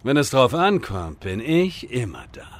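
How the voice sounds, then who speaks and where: In a comedy audio drama, a male actor voices a whiny, self-important wizard who is theatrical and childishly excitable. His mid-range voice moves a little slowly, with a grumbling, pompous mood.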